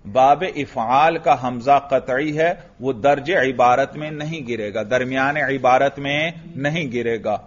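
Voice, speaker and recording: A Pakistani man with a Pakistani Urdu accent teaches a grammar lesson in a classroom. His voice sits a little high, and he recites Arabic terms, then slowly explains them and checks with his students. The recording is dull and lo-fi. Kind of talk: classroom lecture. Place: religious school classroom.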